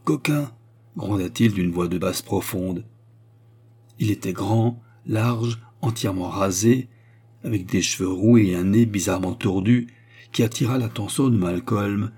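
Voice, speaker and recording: Male audiobook narrator, low, mellow, husky, measured delivery. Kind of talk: audiobook reading.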